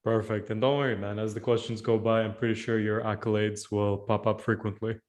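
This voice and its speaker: A man's voice: fairly low pitch, flat delivery, fairly quick, darkish tone. A man hosting a podcast, chatting with his guest and reminding viewers to subscribe. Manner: friendly, reads channel reminders. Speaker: podcast host. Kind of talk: casual interview chat.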